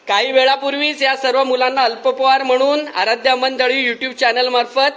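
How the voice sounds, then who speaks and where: Bright high-voiced man vlogging cheerfully. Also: flat delivery, brisk. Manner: playful, teasing children, then formal thanks. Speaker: vlogger host. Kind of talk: casual vlog chat with schoolchildren. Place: village primary school.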